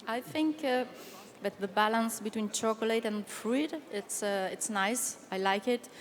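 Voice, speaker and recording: A woman giving tasting opinions as an expert guest, halting and searching for words. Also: fairly high pitch. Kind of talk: tasting commentary. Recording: long hall reverb, faint noise.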